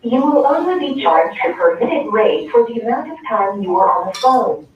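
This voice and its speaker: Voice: medium pitch, moderate pace, slight background noise. Automated payphone collect-call prompt, echoey. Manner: flat recorded announcement, reading fees and options. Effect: payphone collect-call recording played over courtroom speakers. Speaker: automated jail phone system prompt. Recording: distant, echoey, muffled phone-call playback in a courtroom.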